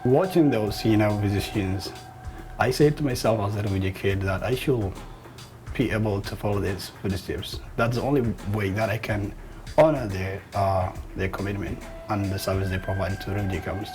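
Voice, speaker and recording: Low-voiced man from Somalia, halting. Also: darkish tone, soft background music. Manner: hesitant, many fillers. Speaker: medical student. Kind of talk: interview testimony.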